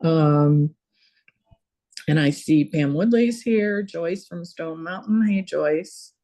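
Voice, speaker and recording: Woman, online town hall host, somewhat low voice, chatty, many fillers, video call. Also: slow pace, warm tone. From not from Georgia. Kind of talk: casual welcoming over video call.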